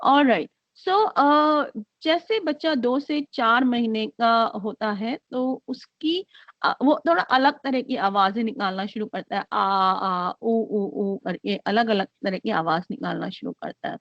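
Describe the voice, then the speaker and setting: Slow, hesitant woman lecturing over a call. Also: a little high, no echo. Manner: slow, hesitant delivery with many fillers, mixing Hindi and English. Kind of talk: online lecture. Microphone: computer mic on a video call. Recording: dry, dull lo-fi call audio.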